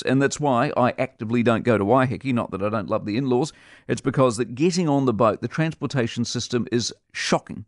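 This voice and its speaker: A man's voice: mid-range voice, no room sound. Kiwi radio guy ranting, blunt and scornful, dry close mic. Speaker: radio host. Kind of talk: opinionated radio commentary. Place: radio studio.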